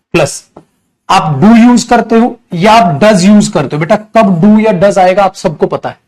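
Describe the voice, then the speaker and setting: A man lecturing a grammar coaching class with a slightly high voice. He calls his students children in a coaxing, familiar way. He leaps up in pitch and volume whenever he drives a point home. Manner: addresses students as beta, coaxing and emphatic; jumps higher and louder to stress points. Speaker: English grammar teacher.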